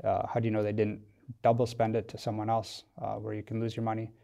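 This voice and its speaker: Guesting on a studio podcast, a Wisconsin tech company founder speaks fast in a lowish, warm voice with vocal fry and a completely flat delivery. The American explains things thoughtfully yet hesitantly in casual interview talk.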